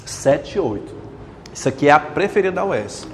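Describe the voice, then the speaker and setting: Lively teacher quizzing his class. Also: fairly high pitch, a little fast, big-room sound, slight background noise. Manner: lively, quizzing students with questions. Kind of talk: classroom grammar lecture.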